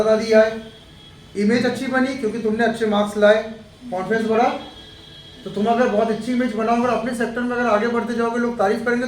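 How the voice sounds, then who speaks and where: A high-pitched man with an Indian accent lectures his students in a chatty, humorous way. He sounds set back from the mic in an echoey classroom with faint room noise. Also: far from the mic. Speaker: computer institute teacher.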